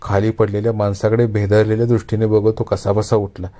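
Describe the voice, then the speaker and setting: A male storyteller reads a story aloud with measured, expressive phrasing. His voice is low-pitched and dark in tone. He builds the scene slowly and carefully. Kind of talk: Marathi kathakathan storytelling.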